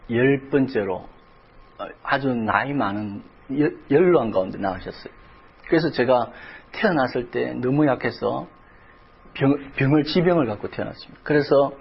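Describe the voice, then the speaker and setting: Middle-aged pastor guy preaching, gravelly husky voice, swings up and down a lot, kinda dull lo-fi sound. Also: medium pitch. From South Korea. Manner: emotional storytelling, rising to cries in prayer. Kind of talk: sermon.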